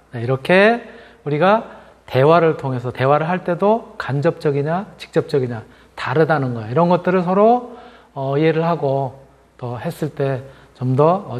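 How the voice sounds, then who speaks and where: A man, a university lecturer, closing his class in a measured, polite way with small fillers. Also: fairly high pitch, a little mellow. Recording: lecture hall reverb.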